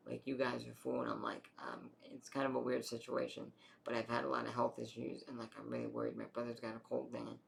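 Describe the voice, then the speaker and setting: A man's voice: mid-range voice, monotone, quick pace, gravelly. A young man casually telling his own story in a rambling way, full of fillers and the odd swear word.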